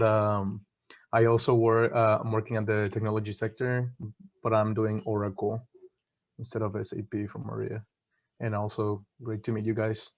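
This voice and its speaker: A man's voice: fairly low pitch, darkish tone. A young man in his twenties from Mexico, answering eagerly and casually as a guest on a webinar panel over a video call. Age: 20s. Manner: eager, self-described hyperactive, casual talk. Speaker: guest consultant. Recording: dull lo-fi video call audio.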